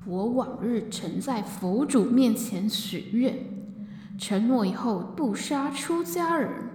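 A woman voicing a huge, fanged male demon who speaks slowly and formally. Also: fairly high pitch, animated, darkish tone, echoey room, in a large hall, a little hiss or hum.

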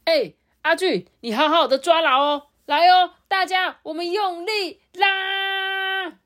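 A woman playing an earnest earthworm on a rescue team in a read-aloud children's story. The voice sits high and sounds urgent, calling out to the others. It carries a Taiwanese Mandarin accent. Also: takes it slowly, fairly bright tone, full character voice.

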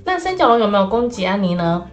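A woman reading a children's story aloud, lively and animated, with many little fillers. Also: medium pitch, fast talker. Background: soft background music.

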